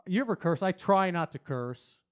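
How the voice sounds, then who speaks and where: A high-voiced man does stand-up on a small stage, crude and rambling as he talks to the audience. He puts on loud, silly voices whenever he quotes someone.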